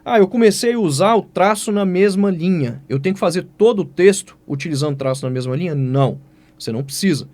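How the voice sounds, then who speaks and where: A man with a Brazilian Portuguese accent teaching an exam-prep writing lesson, who keeps asking questions aloud and answering them himself. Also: fairly high pitch. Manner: lively, asks and answers his own questions.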